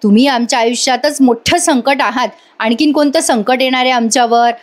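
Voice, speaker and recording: A harsh, short-tempered middle-aged man who scolds and snaps at everyone, read out by a woman in a recap voice-over. The voice sits high, near the woman's own register. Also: brisk, natural voice. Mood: angry. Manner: snapping and scolding.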